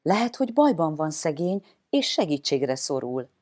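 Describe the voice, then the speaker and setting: A woman's voice: low-pitched, big pitch swings, a little mellow. A woman voicing a resourceful young boy who leads his friends and gives them orders in a storybook tale. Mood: thoughtful. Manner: bossy, commanding when giving orders.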